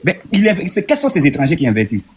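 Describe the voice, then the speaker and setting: A man's voice: a little high, huge pitch swings, a little hiss or hum. A man in his thirties from Burkina Faso, arguing earnestly and point by point in a debate. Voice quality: husky. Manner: earnest, rapid, reasoning point by point. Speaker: debate participant. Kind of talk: heated debate argument.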